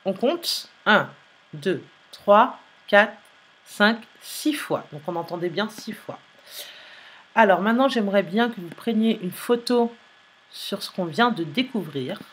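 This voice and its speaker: A woman teacher, slowly dictating a sentence and spelling out letters in a phonics lesson. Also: medium pitch, expressive, a bit bright, husky. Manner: slow, careful dictation, repeating and spelling letters aloud.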